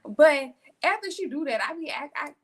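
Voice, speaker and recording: A woman's voice: sits high, lively intonation, normal speed. A woman in her thirties, co-hosting a podcast in casual chat, rambling through family stories and laughing as she talks. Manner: warm-hearted, rambling, laughs while talking. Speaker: podcast co-host.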